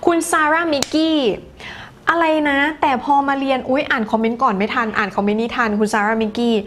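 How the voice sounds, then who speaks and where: A woman's voice: fairly high pitch, fast talker, fairly bright tone. A woman teacher with a Thai accent reads viewer comments during a live English lesson, chatty and laughing, moving between two languages.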